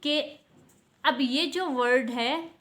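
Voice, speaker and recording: A woman's voice: sits high, very slow, a bit bright. A woman teaching Quran pronunciation, explaining patiently and stretching out letter sounds to model them. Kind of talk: online tajweed lesson.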